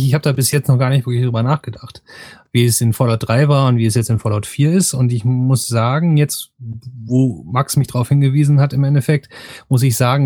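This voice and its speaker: A man's voice: medium pitch, warm tone, no room sound, studio quality. A man co-hosting a casual gaming podcast, agreeable and hesitant, often restarting his sentences.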